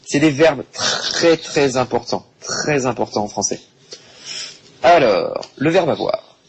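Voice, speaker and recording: A man teaching a French lesson to Chinese speakers, patient and repetitive, slowing down to stress words. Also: mid-range voice, expressive, slight background noise. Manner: patient, repetitive, slow and emphatic.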